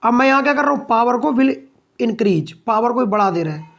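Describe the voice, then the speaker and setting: A man's voice: extremely high pitch, expressive, creaky, highs cut off. A male science teacher giving a classroom lesson. He asks the class questions and answers them himself, and he repeats key points so they stick. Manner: dictates notes slowly, word by word.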